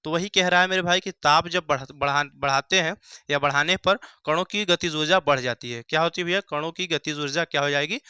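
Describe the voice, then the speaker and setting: Bright, crisp male science teacher. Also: fairly high pitch, a little fast, no echo. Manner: asks the class questions and answers them himself; repeats key phrases, calls students "bhaiya" and "mere bhai". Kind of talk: Hindi science lesson at a board. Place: classroom at a board.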